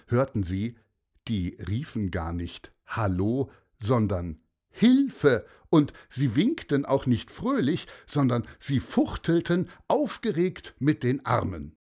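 A man reads a children's story aloud at a slow, unhurried pace. His voice is slightly husky, and its pitch moves a lot. He explains things gently and sometimes repeats small words.

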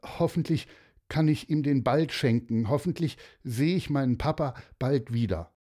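A man voicing a grateful young girl in a storybook, speaking softly. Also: medium pitch, moderate pace, pitched above the performer's own voice, natural voice.

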